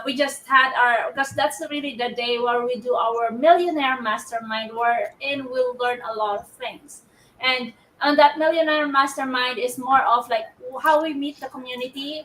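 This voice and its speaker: Filipina lady hosting a live stream, kinda high voice, chatty and rambly, echoey and a bit far from the mic. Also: a bit bright, a little hiss or hum. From Philippines. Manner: upbeat, rambling, frequent restarts. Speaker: live show co-host. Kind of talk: casual live-stream talk. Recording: roomy audio from away from the mic.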